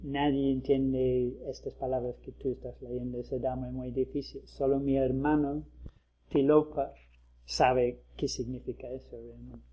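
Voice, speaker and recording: A man telling the part of a hideous dakini spirit woman in a told story, her voice at his middling pitch and only lightly acted. she sounds a little dull and lo-fi, like an old talk recording. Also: level tone, unhurried, lightly acted. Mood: distressed. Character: hideous female dakini spirit, wise and grieving.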